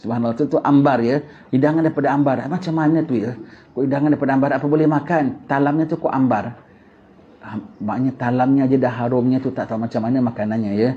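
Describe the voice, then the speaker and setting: A man with a Singaporean Malay accent giving a religious lecture, animated, asking rhetorical questions and repeating phrases. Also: mid-range voice, quick pace, highs cut off. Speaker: religious teacher.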